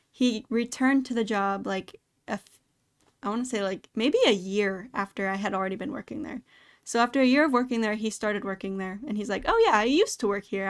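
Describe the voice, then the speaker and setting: A young woman hosting a casual podcast, rambling with lots of fillers and quick asides. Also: mid-range voice, clean tone. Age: young adult. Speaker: podcast host. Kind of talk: casual chat. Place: home streaming setup. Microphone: desktop streaming mic.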